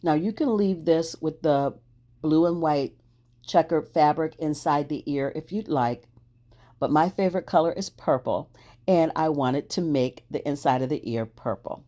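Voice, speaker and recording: A woman's voice: low voice, moderate pace, mellow. A woman hosting a crafting video, chatting cheerfully through each step and laughing at her own struggles. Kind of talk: casual crafting voice-over.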